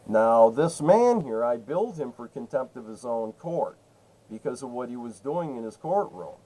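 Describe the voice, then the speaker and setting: A man calls a state senator's office with an insistent complaint, emphatically and repetitively laying out accusations and cutting in. His mid-range voice is mellow and animated at normal speed, though the audio is poor.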